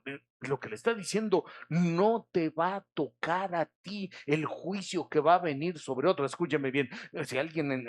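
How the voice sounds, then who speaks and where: A man preaching a sermon in church as pastor, building from soft talk to loud, impassioned calls. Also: fairly high pitch.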